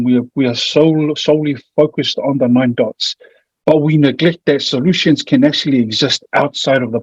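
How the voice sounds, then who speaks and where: A man's voice: medium pitch, darkish tone, slightly rough. A man with a broad New Zealand accent giving an informal, slightly hesitant online presentation. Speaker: presenter, family violence mediator. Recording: muffled, echoey room audio.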